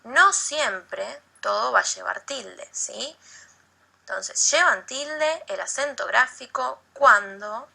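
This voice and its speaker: A woman teacher explaining grammar slowly, repeating key words and checking that her listeners follow. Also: a little high, lively intonation, gravelly, bright, forceful tone, low-quality recording. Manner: slow and repetitive, checking in with listeners. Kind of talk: classroom explanation.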